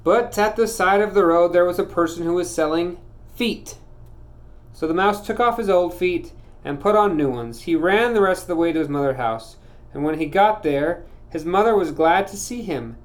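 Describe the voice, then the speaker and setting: A man reading a children's storybook aloud, steady and clear. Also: sits high, moderate pace.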